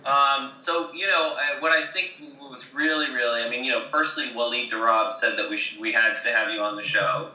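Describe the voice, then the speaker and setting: A male podcast host with a very bright, sharp voice and a roomy, echoey sound. He asks questions in a casual, halting way, full of fillers. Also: medium pitch, steady tone. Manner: hesitant, many fillers and restarts. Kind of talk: casual interview hosting.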